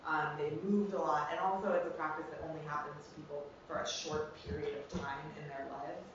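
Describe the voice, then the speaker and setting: A young American woman, a student researcher presenting fieldwork, speaks informally and haltingly in a low, steady voice. She's recorded from afar in a very echoey indoor room, so the audio is dull, muffled and noisy with clear hiss.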